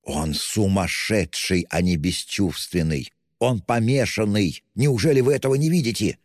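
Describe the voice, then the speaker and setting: A man's voice: fairly low pitch, moderate pace, darkish tone, no echo, clean studio sound, in a large hall, pitched above the performer's own voice, lightly acted. A man voicing a loyal, flustered young man who talks in an agitated, urgent way.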